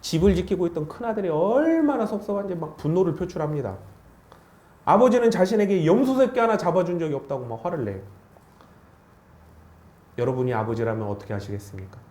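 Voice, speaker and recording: Animated male pastor preaching in an echoey church. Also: fairly high pitch, a little fast, pauses often. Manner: animated preaching with rhetorical questions. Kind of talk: sermon. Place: church sanctuary.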